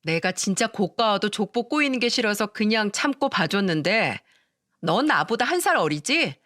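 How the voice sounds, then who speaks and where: A woman voicing a brash, entitled younger woman who shouts and pleads in a raised voice. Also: medium pitch, expressive, normal speed, no room sound, studio quality, natural voice. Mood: scornful.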